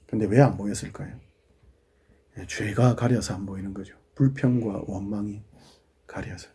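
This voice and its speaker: A middle-aged man, a pastor giving a sermon in a conversational way, asking the congregation questions and dropping into quiet asides. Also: lowish voice, fairly even intonation, normal speed, breathy edge.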